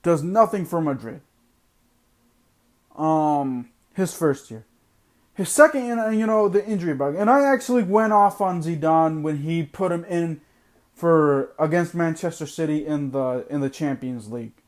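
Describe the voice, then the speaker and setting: A sports podcast host delivers an opinionated monologue, blunt and repetitive for emphasis, while his voice gives out. His pitch is fairly high and his pace measured.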